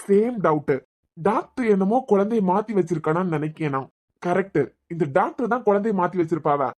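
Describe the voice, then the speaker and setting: A woman's voice: fairly low pitch, animated, fairly quick, a little mellow. A woman with a Kanyakumari Tamil accent voicing a cheeky young man who teases and jokes in a cartoon series. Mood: teasing. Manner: teasing, wisecracking. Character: joking young man, cheeky debt-ridden student. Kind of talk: cartoon web series dialogue.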